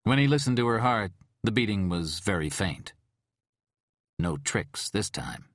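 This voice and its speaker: Guy reading an audiobook, kinda low voice, dramatic pacing, dry studio sound. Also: animated, no room sound. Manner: measured, dramatic storytelling. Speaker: audiobook narrator. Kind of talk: scripted audiobook narration.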